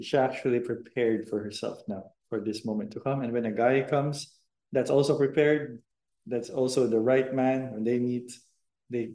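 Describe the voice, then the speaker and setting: A man's voice: mid-range voice, warm tone. A man as a podcast guest, confidently explaining his views with punchy lines in casual chat. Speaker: guest, host's boyfriend. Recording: echoey room.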